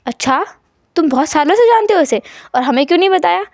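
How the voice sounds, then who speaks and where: A woman's voice: very high-pitched, expressive, quick pace, darkish tone, no room sound, studio quality, pitched above the performer's own voice. A woman voicing a middle-aged mother who scolds and teases her son. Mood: scolding. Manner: teasing, scolding.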